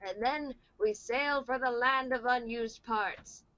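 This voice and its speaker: A woman's voice: fairly high pitch, slow, fairly bright tone, no echo, highs cut off. A woman reading the lines of a wise old male wizard mentor in a casual script read-through, in her own voice. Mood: earnest.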